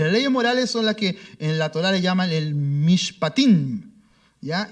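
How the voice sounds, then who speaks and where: A man's voice: high voice, fairly bright tone. A middle-aged man, a pastor giving a sermon and telling stories, acting out the dialogue in voices. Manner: storytelling, acts out dialogue in voices.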